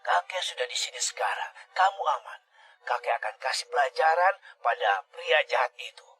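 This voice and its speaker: A protective elderly grandfather in a dubbed drama. His husky voice sits high and bright for a man. He speaks softly and tenderly to his granddaughter but quietly threatens her enemies. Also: lively intonation, normal speed, faint music behind, heavily acted. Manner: soft and tender with the child, threatening to foes.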